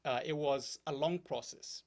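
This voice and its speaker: A man's voice: on the high side, unhurried, a little mellow. A man in his thirties from Kenya with a Kenyan accent, a guest in an interview, earnest and hesitant, with many fillers. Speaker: political candidate guest. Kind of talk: interview conversation.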